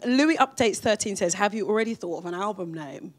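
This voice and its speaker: A woman's voice: medium pitch, expressive, fast. A woman presenting a radio interview, chatty and reading out fan questions.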